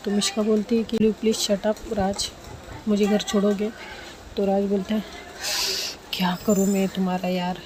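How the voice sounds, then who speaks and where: Woman telling a story in a flat voice. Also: medium pitch, measured pace, long pauses, noisy background. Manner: retells a romance, voicing every character in her own plain voice. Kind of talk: casual spoken storytelling.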